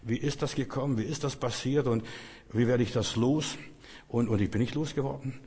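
A man's voice: medium pitch, brisk, warm tone, breathy edge. A man preaching a sermon in an earnest, repetitive way, speaking directly to his listeners. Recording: long echo of a large hall.

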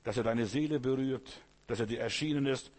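A man's voice: mid-range voice, brisk, darkish tone. A man preaching a sermon, speaking directly to the listener and telling stories from scripture. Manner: addresses listener directly, storytelling, voices quoted figures.

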